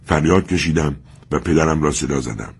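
Man reading a story, super deep voice, kinda husky. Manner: steady, measured reading. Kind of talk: scripted narration of a story.

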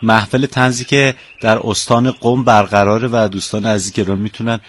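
A man's voice: lowish voice, level tone. Friendly man hosting a radio chat. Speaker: radio host.

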